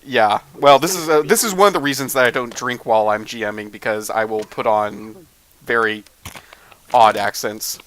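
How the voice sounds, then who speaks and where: Bright, crisp-voiced male game master. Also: medium pitch. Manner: easygoing, self-deprecating, halting with fillers. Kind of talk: casual post-game chat.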